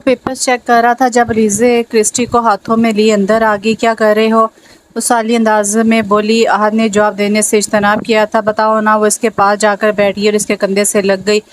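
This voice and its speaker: Woman narrating a novel in a flat voice. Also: mid-range voice, moderate pace, hardly any pauses, a little hiss or hum, rough recording. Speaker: novel reader. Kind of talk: reading a romance novel aloud.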